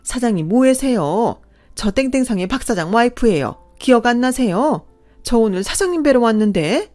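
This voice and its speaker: A woman's voice: fairly high pitch, expressive, moderate pace, darkish tone, soft background music, natural voice. A woman voicing a haughty, rude middle-aged woman who sneers with open contempt in a radio story reading. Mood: sneering.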